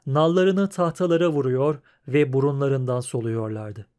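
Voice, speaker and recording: A man narrating an audiobook in a steady, measured reading. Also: medium pitch. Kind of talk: scripted narration.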